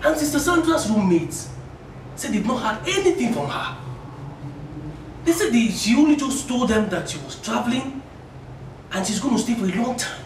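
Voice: medium pitch, animated, normal speed, pauses often, slight background noise, close to an everyday voice. An actor playing a church member reporting respectfully to the pastor. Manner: deferential. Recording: echoey room, mic far off.

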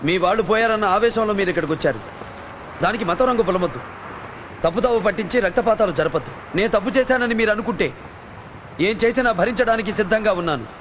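An actor playing a righteous, self-sacrificing film hero, speaking in an earnest, declamatory, melodramatic way. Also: male voice, high voice, quick pace, fairly bright tone, a little hiss or hum. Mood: resolute. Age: middle-aged. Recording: film scene with music behind.

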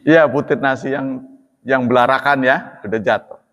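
A man teaching religion in a relaxed, chatty way, joking and laughing as he talks. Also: mid-range voice, normal speed. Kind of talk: casual religious talk. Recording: long hall reverb.

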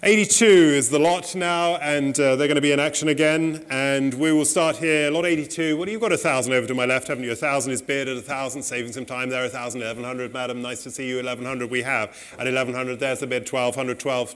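A middle-aged man working as an auctioneer, calling bids in a saleroom in a brisk, polite, repetitive way. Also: mid-range voice, fairly bright tone.

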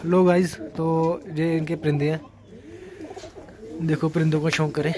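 A man's voice: fairly high pitch, level tone, unhurried, noisy background. A man hosting a video channel, eagerly asking questions and talking straight to his viewers on a rooftop. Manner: eager, addresses viewers directly. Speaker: channel host and interviewer. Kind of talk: casual video interview.

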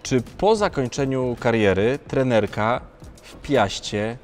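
Male sports host, casual joking interviewer, average pitch. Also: lively intonation, slow pace. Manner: chatty, joking questions.

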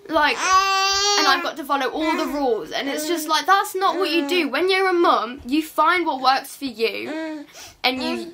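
A teenage woman vlogging at home at night. She talks in a quiet, hushed voice, rambling and restarting in an emotional monologue to camera. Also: sits high. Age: teens.

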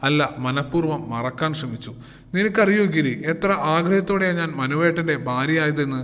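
An earnest, pleading young wife confessing what she has longed for, voiced by a man reading the story. The voice sits a little high, and a long reverb trails after each line. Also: animated, fairly quick, fairly bright tone. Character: lonely young wife confessing her longing.

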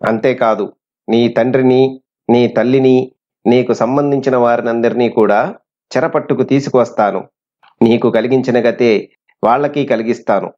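A man's voice: medium pitch, fairly even intonation, moderate pace, pauses often, close to an everyday voice. A man voicing a cruel, boastful male sorcerer with a threatening, gloating manner, on a dull lo-fi recording. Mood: menacing.

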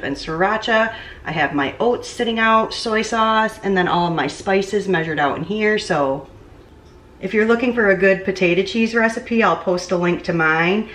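A woman's voice: fairly low pitch, a bit bright, far from the mic. A woman in her thirties chatting casually while she cooks in a small home kitchen, picked up by the camera mic as she moves around. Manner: chatty, talks while cooking and moving around. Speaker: cooking vlogger. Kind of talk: casual cooking vlog. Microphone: camera mic, distance varies as she moves. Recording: roomy kitchen echo, off-mic at times.

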